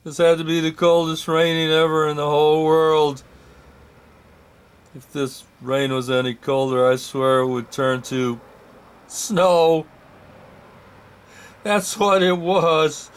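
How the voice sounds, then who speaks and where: A man's voice: mid-range voice, smooth. A man telling a first-person story, rambling and correcting himself with comic asides.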